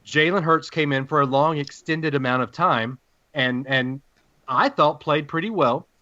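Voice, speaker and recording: Male podcast host, deep Southern accent, slightly high-pitched, folksy showman delivery in casual sports chat. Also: a little slow, pushed and bright, no room sound, lo-fi sound.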